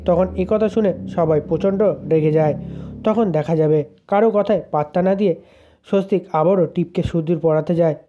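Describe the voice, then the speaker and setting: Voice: mid-range voice, moderate pace. A narrator plainly retelling a serial's episode as a story. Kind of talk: storytelling recap. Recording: dull lo-fi sound.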